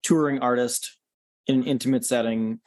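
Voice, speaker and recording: A concert organizer is a relaxed podcast guest in a casual interview, explaining things at an easy, moderate pace. He peppers his speech with "um" and "you know" and restarts sentences. His medium-pitched voice is recorded dry and close, with little room sound.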